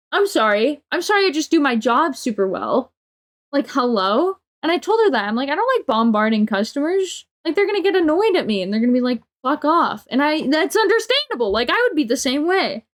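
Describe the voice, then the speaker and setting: A young woman streamer ranting in a casual, storytelling way, her voice sitting a touch high. She sounds exasperated and swears freely, with her sentences full of filler words. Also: very animated, a little fast. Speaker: livestreamer.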